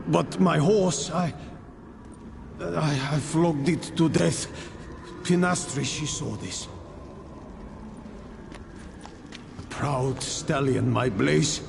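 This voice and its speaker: A man voicing a tormented, remorseful ghost of a squire in a video game, pleading and halting with a gravelly voice. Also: a little high, full character voice. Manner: anguished, halting, pleading delivery. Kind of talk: dramatic video game voice acting. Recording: long ghostly reverb, noisy ambience.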